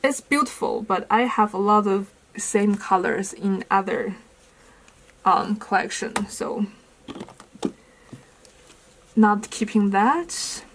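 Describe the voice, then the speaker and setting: Young woman vlogger, slow and unhurried, casual declutter chat with fillers. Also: medium pitch, a bit bright, a little hiss or hum, rough recording. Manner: unhurried, thinking aloud with fillers. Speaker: beauty vlogger. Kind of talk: casual makeup declutter vlog.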